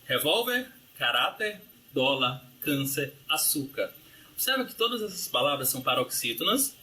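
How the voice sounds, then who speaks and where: Bright-voiced man teaching grammar. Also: a little high. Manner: explanatory, frequent tag questions like "né?" and "ok?"; lists rules and word examples. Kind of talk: recorded grammar review lesson.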